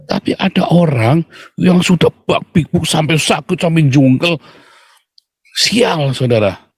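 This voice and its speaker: Animated preacher with a dry sound. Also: male voice, a little high, unhurried, breathy edge, no echo. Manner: animated, addresses listeners as "Saudara", acts out complainers in mocking voices. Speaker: pastor. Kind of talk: sermon.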